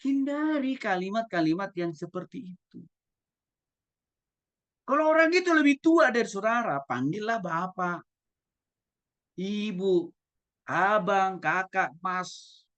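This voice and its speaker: This man's voice sits high, and he preaches slowly with frequent pauses, though the recording cuts off the highs. In his lively teaching sermon, he asks the audience questions and acts out examples.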